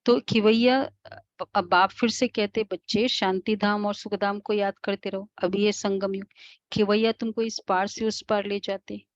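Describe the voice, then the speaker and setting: A woman's voice: mid-range voice, fairly even intonation, measured pace, dry recording. Indian woman, spiritual teacher, explanatory lecture voice with questions and hums, dry dull recording. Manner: explanatory, asks the class questions with soft hums. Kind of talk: devotional class lecture.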